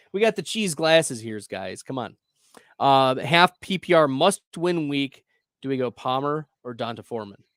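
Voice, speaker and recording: A man hosting a casual fantasy football advice chat, upbeat and quick to laugh. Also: mid-range voice, animated, a bit bright, dry recording, studio quality. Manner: chatty, upbeat, laughs easily. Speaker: fantasy football show host.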